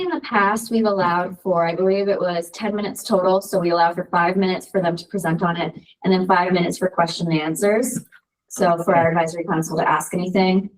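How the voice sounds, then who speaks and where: Woman leading a meeting, distant echoey sound. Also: lowish voice. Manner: organized, running the agenda. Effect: distant, echoey room sound. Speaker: meeting facilitator. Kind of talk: video call meeting. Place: meeting room with a TV speaker. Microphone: room mic far from the speaker. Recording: distant echoey room pickup.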